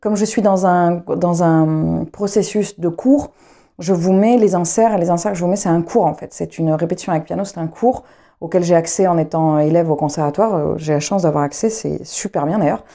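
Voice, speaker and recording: A woman's voice: lowish voice, fairly quick, mellow. A young adult woman from France chatting casually to camera, rambling with many fillers and restarts. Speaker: knitting vlogger and trumpet player.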